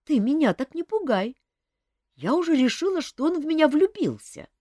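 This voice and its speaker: A woman voicing Olga, an emotional, quick-tempered young woman who talks in an excitable, emphatic way. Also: high-pitched, no room sound, clean studio sound, pitched above the performer's own voice. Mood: flustered.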